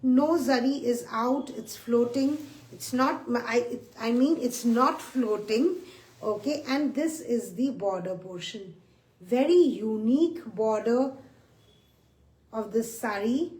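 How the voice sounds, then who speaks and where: Selling sarees live, she talks slowly and with enthusiasm, mixing in English with Hindi and returning to her main points. Her voice is on the high side and a little mellow; she stands far from the mic in an echoey room with faint room noise.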